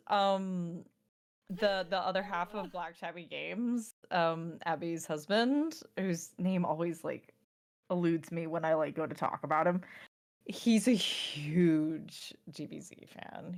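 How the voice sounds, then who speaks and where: A woman chats casually while playing, rambling with plenty of fillers. Her voice is low and she talks slowly. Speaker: game streamer. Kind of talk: casual chat.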